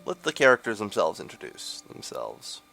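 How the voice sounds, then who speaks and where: A man's voice: on the low side, huge pitch swings, normal speed, creaky, pushed and bright, faint music behind. A young man hosting a let's play, giving rambling, sarcastic gameplay commentary into a desk microphone. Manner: rambling, sarcastic, many fillers.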